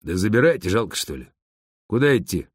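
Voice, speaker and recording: A man voicing a brash, gruff former prince with a commanding manner, in an audiobook. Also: fairly low pitch, sing-song, fairly quick, dry recording, studio quality.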